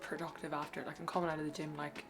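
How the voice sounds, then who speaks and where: A woman's voice: low-pitched, little pitch movement, very fast, music in the background. A woman chatting informally and slangily as a fitness vlogger in a casual video. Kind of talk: casual vlog chat.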